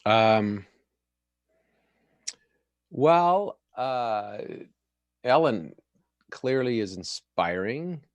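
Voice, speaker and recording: A man's voice: medium pitch, lively intonation, extremely slow, long pauses, dry recording, dull audio. A man hosting a casual live chat show, laughing easily and poking fun at himself. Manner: laughs often, chatty, self-deprecating. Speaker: show host.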